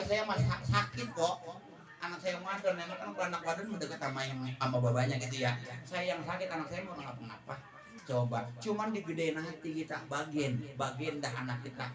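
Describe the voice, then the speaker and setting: A man preaching a lively comic sermon at a religious gathering, swinging between loud exclaiming and low storytelling. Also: recorded from a distance. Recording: echoey hall, mic heard from afar. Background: crowd of listeners.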